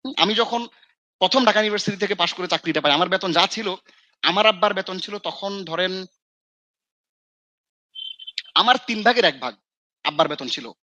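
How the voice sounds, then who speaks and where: A man's voice: sits high, lively intonation, a little fast, sharp tone, no echo, muffled recording. A man from Bangladesh, mentoring students in casual talk, who acts out his scolding and mixes in English phrases. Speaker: Islamic scholar and mentor.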